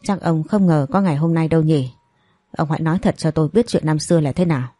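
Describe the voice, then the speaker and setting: A woman doing a bitter older mother in an audio story, hurling reproach at the man who wronged her. The voice sits low and husky, with a mellow, dry closeness. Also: fast, no room sound. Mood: furious, accusing. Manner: accusing, reproachful. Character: grieving, furious older mother confronting a man.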